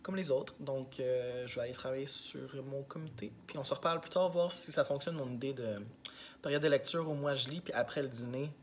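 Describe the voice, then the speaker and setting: A man's voice: mid-range voice, a little fast, slight background noise. Chatty Québécois man vlogging his teaching day. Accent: Québécois French. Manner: candid, rambling, heavy on fillers. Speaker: elementary school teacher. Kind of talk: casual vlog diary.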